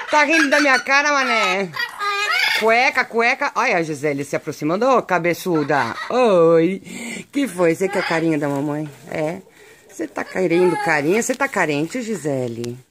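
A woman's voice: lowish voice, expressive, normal speed, background noise. A Brazilian woman with a Brazilian Portuguese accent filming her backyard birds and pets. She talks to the animals in sing-song baby talk. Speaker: animal channel vlogger. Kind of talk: casual vlog talking to pets. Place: outdoors in a backyard with chickens.

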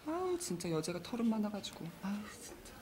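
An actress playing a brash, foul-mouthed high school girl who bosses and scolds the others. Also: big pitch swings, brisk, natural voice. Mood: scornful. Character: tough swaggering schoolgirl, crude and bossy. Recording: loud background noise.

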